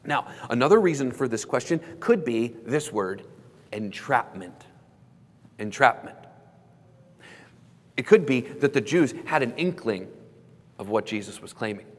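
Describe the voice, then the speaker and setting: A male pastor delivers a sermon with a steady, measured cadence, slowing down to stress key words. His voice carries a long reverb from a large hall. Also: medium pitch. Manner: measured preaching, slows for emphasis, dramatizes quoted questions.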